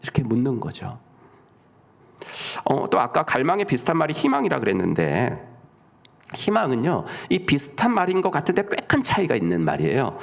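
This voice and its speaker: A man's voice: mid-range voice, huge pitch swings, moderate pace, creaky. A middle-aged man preaching a sermon as senior pastor, often asking the congregation questions and answering them himself, sometimes dropping to a whisper.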